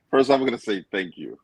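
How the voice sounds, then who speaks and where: A man's voice: on the low side, vocal fry, breathy edge, dry recording. A man speaking earnestly as a panelist in a discussion, with a preacher-like emphasis.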